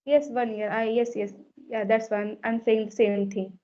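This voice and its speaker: A native Hindi speaker from Uttar Pradesh with a North Indian accent chats casually on a video call as an English learner and conversation partner, often repeating herself. Her voice is fairly high with little pitch movement, a dark tone, and a moderate pace, heard through muffled lo-fi call audio.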